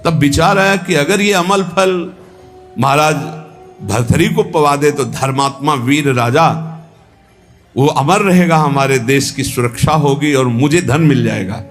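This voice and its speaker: A man's voice: fairly high pitch, measured pace. Man telling a devotional story over music. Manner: narrates a legend, acting out the characters' lines. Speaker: spiritual teacher.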